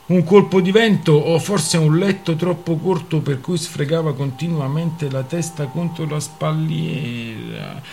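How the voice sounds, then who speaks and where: A man voicing a gruff, blunt uncle who clears his throat and talks petulantly. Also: on the high side, big pitch swings, slow, slight background noise, pitched above the performer's own voice, heavily acted.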